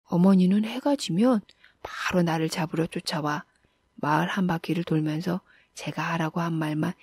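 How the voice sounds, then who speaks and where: Young bachelor in a folktale, sly, eager, wheedling; husky woman playing the part. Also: on the low side, normal speed, a little mellow, dry recording, clean studio sound. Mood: coaxing.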